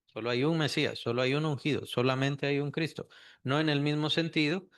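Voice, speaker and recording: A man's voice: a little high, steady tone, a little fast, a bit bright. A man teaching a Sunday school Bible lesson, asking the class questions and repeating key phrases.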